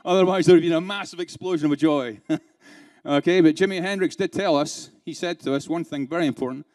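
A man's voice: fairly high pitch, fairly quick, darkish tone. Playful man quizzing a conference audience. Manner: interactive, quizzes the audience with rhetorical questions; laughs between points, playful. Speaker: keynote speaker. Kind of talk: conference keynote speech. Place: conference hall with a live audience.

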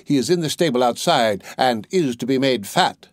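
A man's voice: medium pitch, expressive, moderate pace, no room sound, studio quality, lightly acted. A man voicing a cruel, mocking old female witch in a storybook reading, raising his voice for her. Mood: commanding. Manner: mocking, gloating storybook villain voice.

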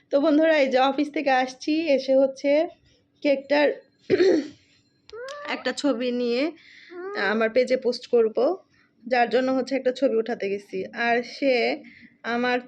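A woman's voice: sits high, a little mellow. A woman vlogging casually to her viewers, cooing and scolding in baby talk. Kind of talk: casual home vlog talking to viewers and a pet. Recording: dull lo-fi home recording.

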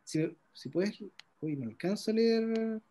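A man leads an online illustration workshop and reviews his students' drawings one by one. He praises them eagerly and warmly, often stopping and restarting mid-sentence. His voice comes through a video-call microphone. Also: sits high, lively intonation, slow pace. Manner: warm, enthusiastic praise with many restarts.

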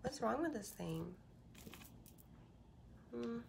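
Casting: young female livestreamer, slow and halting, casual chat, heavy vocal fry, faintly noisy phone audio. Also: a little high, lively intonation. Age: young adult. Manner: halting, reading and answering viewer comments. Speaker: livestream host and model. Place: small bedroom, indoors. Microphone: phone at arm's length.

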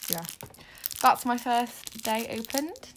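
A woman's voice: on the high side, slow, slight background noise. Chatty young woman vlogging at home. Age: young adult. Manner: chatty, rambling, self-deprecating. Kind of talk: casual vlog chat. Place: at home, then outdoors.

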